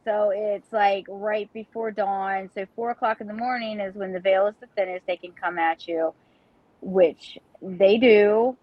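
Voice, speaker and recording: A woman's voice: medium pitch, steady tone, unhurried, dry recording. Salty woman telling ghost stories. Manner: blunt, salty, chatty. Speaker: paranormal investigator and medium. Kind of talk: casual storytelling. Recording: dull, dry audio.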